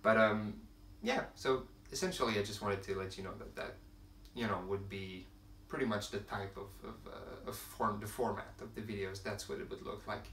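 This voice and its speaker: A young host from Quebec, whose first language is French, speaks casually to camera at a moderate pace in a fairly low, fairly bright voice, with plenty of fillers and restarts as he gropes for words. He's in a room at home with shelves of films and games, and the distant camera gives roomy sound with a faint hiss.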